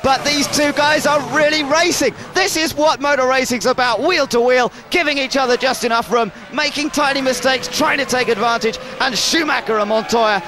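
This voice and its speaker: A man giving excited, emphatic play-by-play as a motorsport commentator. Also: very high voice, normal speed, hardly any pauses, crowd noise. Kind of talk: live race play-by-play commentary.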